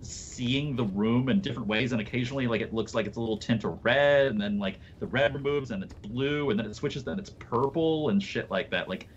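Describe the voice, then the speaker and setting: A man's voice: mid-range voice, a little fast, few pauses, dull audio. A young man narrates a tabletop game as game master, in a mid-range voice. He rambles and fills his sentences with hesitations. There is faint noise in the background. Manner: rambling, full of fillers.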